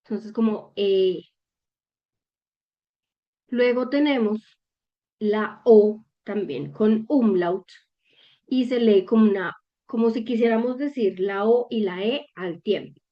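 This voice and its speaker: A woman's voice: a little high, unhurried, dull audio. A woman teaching German pronunciation in a patient explanatory lesson who keeps checking in with her viewers through short questions. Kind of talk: slow explanatory language lesson.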